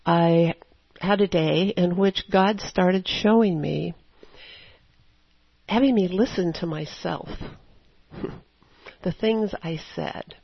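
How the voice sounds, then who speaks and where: A woman preaching a sermon in a conversational, storytelling way with animated asides. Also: lowish voice, slow, gravelly, pauses often, husky, dry recording, muffled recording.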